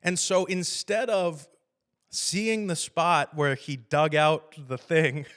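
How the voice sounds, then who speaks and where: A man hosting a podcast, chatting casually about a film in a rambling, profane, animated way and laughing often. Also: on the high side, takes it slowly, smooth. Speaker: podcast host.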